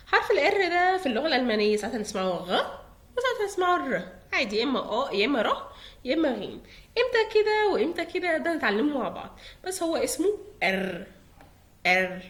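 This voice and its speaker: A woman with an Egyptian Arabic accent teaching pronunciation. She draws words out slowly for learners to repeat and asks and answers her own questions. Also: fairly high pitch. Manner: slow, drawn-out modelling of words for repetition. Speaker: German teacher. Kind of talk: pronunciation lesson.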